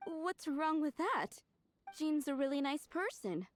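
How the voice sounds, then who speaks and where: A young townswoman in a game. Her voice is very high, polite and earnest, with an anxious edge. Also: very animated, measured pace, heavy background noise. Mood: hopeful. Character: polite, worried young townswoman cat owner. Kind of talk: animated game dialogue acting.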